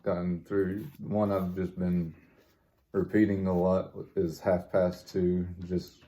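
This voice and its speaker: A man's voice: sits low, flat delivery, takes it slowly, warm tone. A man chatting casually with a friend, a little hesitant as he thinks aloud. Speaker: guest on a friend's food vlog. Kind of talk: casual chat about favorite music.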